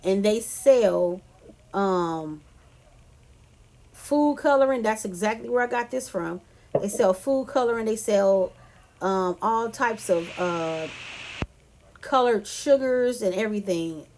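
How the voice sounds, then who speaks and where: A woman from California talks viewers through a homemade candy recipe in a relaxed, chatty way. She rambles a little and calls her audience "y'all" and "you guys." Her voice sits at an ordinary middle pitch. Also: takes it slowly. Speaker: cooking vlogger. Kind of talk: casual cooking tutorial.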